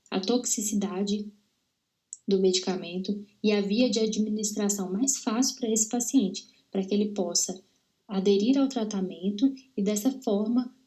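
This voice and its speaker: Young woman reading a seminar, mellow voice. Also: mid-range voice. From Brazil. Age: young adult. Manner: steady, careful reading of technical terms. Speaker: dental student presenting. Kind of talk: read-aloud seminar presentation.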